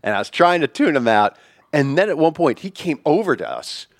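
A man co-hosting a podcast, telling a story loudly with lots of swearing and shouted bits; he says he is deaf. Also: a little high, big pitch swings, fairly quick, no echo, clean studio sound. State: hard of hearing. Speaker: podcast co-host. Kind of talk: casual chat.

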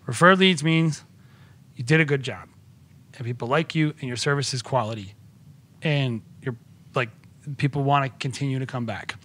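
A man's voice: medium pitch, normal speed, long pauses, a bit bright. A man guesting on a podcast, talking shop enthusiastically in a rambling way with many restarts. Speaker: podcast guest, wedding filmmaker. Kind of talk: casual podcast conversation.

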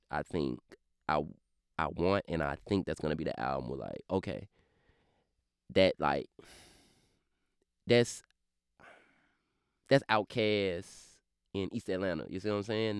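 Young rapper from Baton Rouge, Louisiana accent, fast slurred drawl, low gravelly voice, dry close sound, casual interview. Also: male voice, no room sound.

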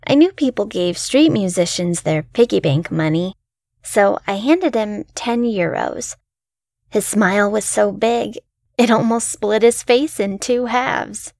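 A woman narrating horror stories in a measured, scripted storytelling delivery. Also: medium pitch, a little mellow, no echo, clean studio sound.

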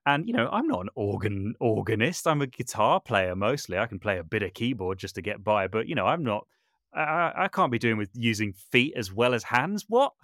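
A composer and voice artist, interviewed on a podcast, talks fairly quickly in a lowish, very animated voice with a fairly bright tone. He's chatty and self-deprecating with many false starts, in studio-quality audio with no room sound.

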